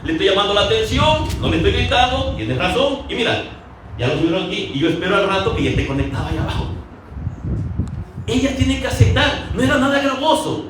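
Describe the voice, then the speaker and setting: High-voiced preacher in an echoey hall. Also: male voice, very animated, brisk. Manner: conversational, acts out quotes in a storytelling way. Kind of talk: sermon. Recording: echoey hall from far off, faint ambient noise.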